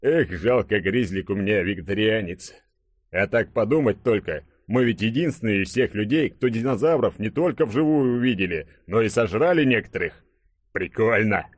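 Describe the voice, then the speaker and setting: A man reading an audiobook, voicing a brash burly young man who boasts and jokes loudly. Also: lowish voice, lively intonation, moderate pace, no echo, studio quality. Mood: boastful joking. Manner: loud, swaggering, joking. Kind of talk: audiobook character voice.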